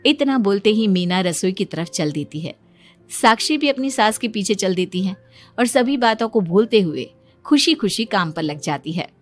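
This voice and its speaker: Woman narrating a story, medium pitch. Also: animated, moderate pace, soft background music.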